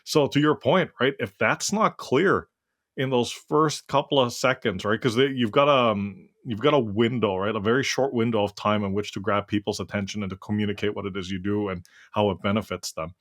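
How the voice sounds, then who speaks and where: A man's voice: fairly low pitch, brisk, a bit bright. A man hosting a casual interview, reflecting on the guest's points and often checking in with 'right?'. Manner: reflective, keeps adding 'right?'. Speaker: interview host.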